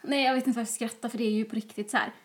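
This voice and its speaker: A woman's voice: fairly high pitch, fairly even intonation, background noise. A young woman co-hosting a podcast, telling a first-date story in casual chat and quoting both sides of the conversation. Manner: chatty, quotes back dialogue in an "I was like" style. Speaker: podcast co-host.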